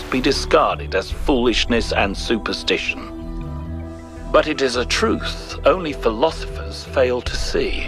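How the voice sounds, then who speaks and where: Over music, a man with a lowish voice acts as a thoughtful, principled ancient Greek philosopher in a video game. As narrator of philosophical audio logs, he delivers a grave, measured, rhetorical monologue.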